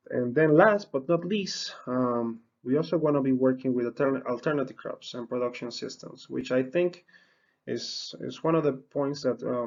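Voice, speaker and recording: Over dull audio, a university horticulture researcher from the Dominican Republic delivers an extension webinar. The middle-aged man has a mid-range, darkish voice and constantly restarts, peppering his talk with uh and um.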